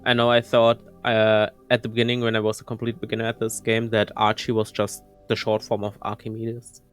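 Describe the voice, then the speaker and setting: A man's voice: lowish voice, completely flat delivery, a bit bright, clean tone, faint music behind. A man giving casual live speedrun commentary, often restarting his sentences. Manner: halting, restarts often, laughs easily.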